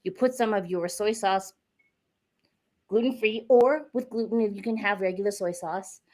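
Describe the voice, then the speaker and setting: Speaking at a moderate pace, a middle-aged woman from the US has a medium-pitched, slightly mellow voice. She's a podcast guest in a casual interview, explaining things step by step and dropping in a few fillers.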